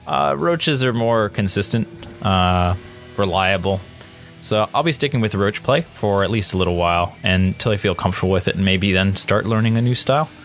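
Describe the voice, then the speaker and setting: A man with a fairly low voice talks through a replay of his own match in a relaxed, conversational way. He thinks aloud and picks up viewer questions as they come in. Soft music plays faintly underneath. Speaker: gaming channel host. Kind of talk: casual replay commentary.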